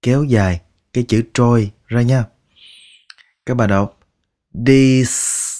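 A man teaching English pronunciation, repeating each word slowly and drawing out its sounds, patient and coaxing. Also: medium pitch, steady tone. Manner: patient, coaxing, ends phrases with soft particles. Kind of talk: slow pronunciation lesson.

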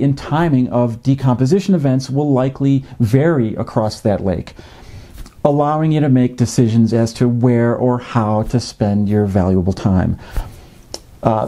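Dark-voiced middle-aged man explaining calmly. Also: mid-range voice. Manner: measured, explanatory, with frequent uh fillers. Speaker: fishing educator. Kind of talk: educational narration. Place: home office with a desktop computer.

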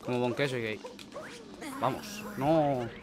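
A young man with a Spain Spanish accent, streaming a speedrun and talking to chat in nervous, swearing chatter, with bursts of frantic yelling. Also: medium pitch, takes it slowly. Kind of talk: live speedrun commentary. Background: game music.

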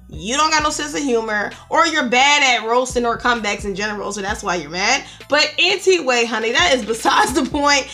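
A woman's voice: sits high, pushed and bright. A woman hosting a reaction video, talking casually in a sassy, profane way and calling viewers honey. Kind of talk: casual vlog intro.

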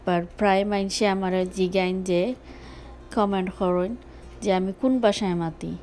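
A woman's voice: mid-range voice, little pitch movement, normal speed, darkish tone, faint music behind. A young woman from Sylhet with a Sylheti Bengali accent, talking frankly to her viewers in a casual vlog, mixing in English words. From Sylhet, Bangladesh. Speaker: vlogger. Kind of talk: casual talk to camera.

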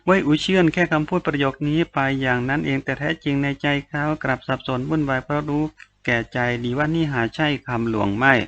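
A man narrating a fantasy novel as an audiobook, reading aloud calmly and evenly. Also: fairly high pitch, a little fast, dull audio, a little hiss or hum.

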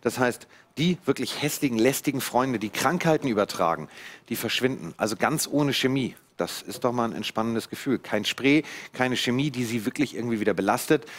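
A man in his thirties giving a persuasive, emphatic live sales pitch as a teleshopping presenter in a TV studio. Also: expressive, a little fast, a little hiss or hum. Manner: emphatic, persuasive, repetitive phrasing. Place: TV studio set. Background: background music.

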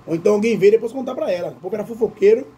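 A man who tells a story to his viewers while eating, in an animated way and often calling out to them. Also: high-pitched, rapid-fire, slight background noise. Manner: animated, addresses viewers as "gente". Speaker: vlogger. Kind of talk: casual storytelling during a mukbang.

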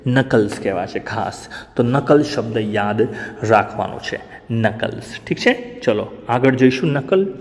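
A man teaching an English lesson to beginners, spelling words out slowly letter by letter and often asking his learners how to say them. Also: mid-range voice, expressive, long reverb tail. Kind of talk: spoken language lesson.

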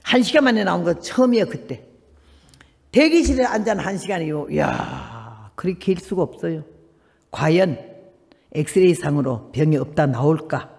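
Older lady missionary telling her testimony all lively, acts out the voices, big reverby church hall. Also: normal speed, vocal fry. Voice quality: high voice. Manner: animated storytelling, acting out dialogue.

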